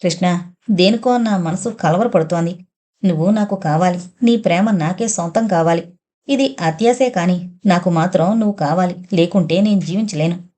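Woman reading a soft, pleading young woman in love, mellow tone, audio novel. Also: fairly low pitch, normal speed, lightly acted. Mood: anxious pleading. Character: young woman, anxious devoted lover.

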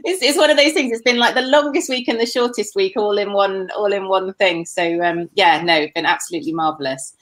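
Chatty and jokey, a woman hosts an online festival live from her kitchen through a laptop webcam call, full of fillers and laughter. She speaks a little fast in a medium-pitched, slightly bright voice with hardly any pauses.

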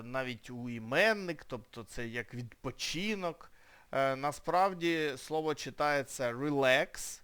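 A young man from Ukraine, an English teacher, explaining a lesson casually with frequent pauses and hesitations. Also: mid-range voice, fairly bright tone, clear, resonant tone.

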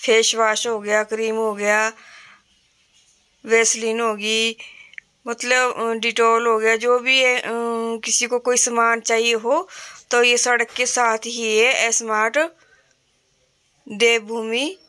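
Taking it slowly with long pauses, this vlogger speaks in a slightly high, sharp voice that barely moves in pitch. She's a middle-aged woman from Himachal Pradesh, India, filming a casual shop walkthrough vlog on her phone inside a retail store and chatting plainly with fillers.

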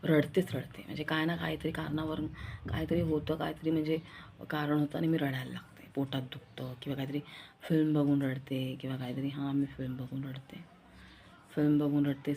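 A woman's voice: low-pitched, gravelly, warm tone, slight background noise. A young woman with a Marathi accent chatting in a rambling, confiding vlog style, repeating herself as she talks. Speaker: vlogger. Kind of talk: casual vlog chat.

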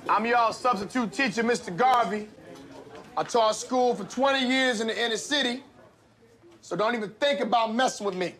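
A man playing a strict, combative middle-aged substitute teacher from an inner-city school in a comedy sketch, stern and husky as he barks at the class. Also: very high voice, moderate pace, pushed and bright. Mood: stern, suspicious. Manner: stern substitute teacher barking roll call.

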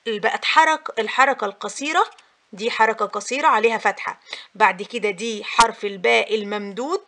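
A woman's voice: a little high, brisk, a bit bright. A young woman with an Egyptian accent teaching a grammar lesson for mothers, patient and repetitive, with frequent filler sounds. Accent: Egyptian Arabic. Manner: patient, repeats key points, many filler "ah"s.

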